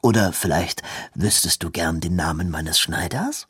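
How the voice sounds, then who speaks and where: A cold, disdainful lord as a man reads him aloud, clipped and affected, in a storybook reading. The voice sits low, the delivery is slow, and the sound is dry and close. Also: a bit bright, husky, no room sound, full character voice. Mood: haughty disdain. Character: haughty aristocratic lord, coldly dismissive man.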